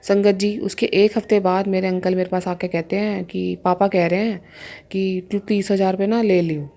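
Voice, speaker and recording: Young woman, heartfelt testimony to listeners, mellow dark voice. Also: medium pitch, flat delivery, moderate pace. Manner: emotional storytelling, repeatedly addressing listeners. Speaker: devotee sharing a testimony. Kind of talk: personal testimony to a congregation.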